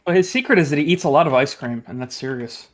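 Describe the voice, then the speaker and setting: A man's voice: a little high, fast talker. A man chatting casually and jokingly as a guest on a livestream. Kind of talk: casual joking stream chat.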